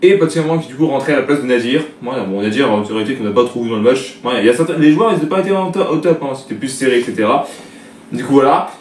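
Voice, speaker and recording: A young man hosts a casual football match debrief, rattling along rapidly in an expressive mid-range voice. He rambles with lots of fillers and restarts, recorded on a distant mic in an echoey room with faint noise.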